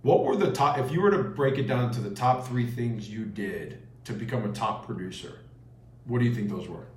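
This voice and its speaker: In a roomy, echoing space, a man talks as an interview host at a medium pitch. He is conversational and affirming, summing up answers before moving on to questions. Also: moderate pace. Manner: affirming, recaps answers back. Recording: echoey room.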